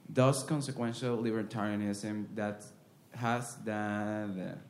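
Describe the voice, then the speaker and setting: A man from Venezuela with a fairly low voice, asking a question from the audience. He talks haltingly, restarting his sentences often. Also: steady tone, darkish tone. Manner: hesitant, many "uh" restarts.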